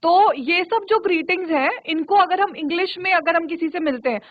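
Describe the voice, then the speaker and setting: A woman's voice: extremely high pitch, brisk, dry recording. A woman from Uttarakhand teaching a children's online spoken English class, patient and checking often that the pupils follow. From Uttarakhand, India. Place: studio for a virtual classroom. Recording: tinny, dry, phone-like line.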